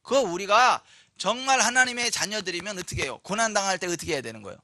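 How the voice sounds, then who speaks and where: A male pastor preaching a sermon, shifting from chatty, joking asides to loud, emphatic proclamations. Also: high voice, lively intonation, fast, dry recording, studio quality. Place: church sanctuary.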